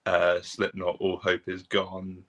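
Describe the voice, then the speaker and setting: A man in his twenties, a band's bassist, answering interview questions in a relaxed, rambling way. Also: takes it slowly, muffled recording. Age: 20s. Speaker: band member, bassist.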